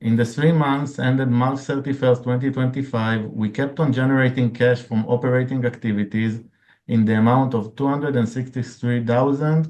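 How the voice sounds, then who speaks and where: On an earnings call, the chief financial officer, a man with a medium-pitched, slightly mellow voice, formally reads out the results from a prepared script.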